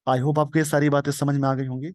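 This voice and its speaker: A man's voice: on the high side, level tone, darkish tone, no echo. Man explaining English vocabulary. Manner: reads English slowly word by word, then explains quickly. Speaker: teacher. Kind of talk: explaining an English newspaper editorial.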